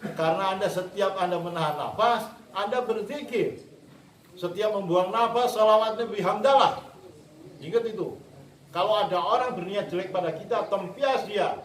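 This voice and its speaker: A man's voice: sits high, normal speed, slight background noise. A man teaching a martial arts class to students, instructive and repetitive, chuckling now and then. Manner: instructive, repeats phrases, chuckles often. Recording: echoey room, mic far off.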